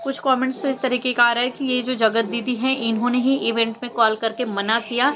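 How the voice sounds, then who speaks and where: A woman's voice: on the high side, little pitch movement, a little fast. A woman vlogger giving chatty gossip commentary, asking many rhetorical questions and using fillers. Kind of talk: casual gossip commentary to camera. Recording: dull lo-fi sound with faint background noise.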